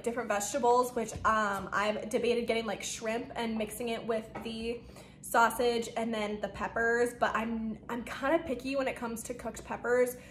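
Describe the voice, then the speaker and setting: Young woman, high-ish voice, chatty, rambly, slightly breathless, roomy kitchen echo, faint hiss. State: a bit out of breath. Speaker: vlogger. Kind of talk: casual talk-through of meal prep. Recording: echoey room with faint noise.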